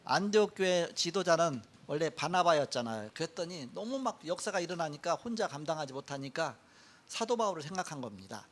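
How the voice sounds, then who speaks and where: A middle-aged male pastor giving a sermon, telling a story with lively acted-out quotes. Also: fairly high pitch, brisk. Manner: animated storytelling, acts out quoted lines.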